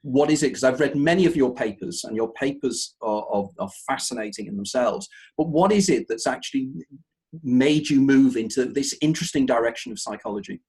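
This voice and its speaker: A man's voice: medium pitch, fairly quick, darkish tone. A man hosting an interview show, enthusiastic and often repeating words as he searches for the next phrase. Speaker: host.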